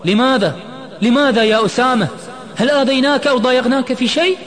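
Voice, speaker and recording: A man narrator voicing an angry, reckless young man who shouts and pleads in a dramatic audio story. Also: a little high, big pitch swings, very fast, in a large hall, voice pushed up. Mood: shouting. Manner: shouting, agitated.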